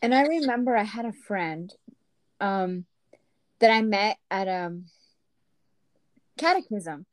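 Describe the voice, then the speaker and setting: Animated woman podcaster, dry sound. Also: medium pitch, slow, long pauses, no echo. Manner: animated, drops in Spanish phrases. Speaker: podcast co-host. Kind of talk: casual chat.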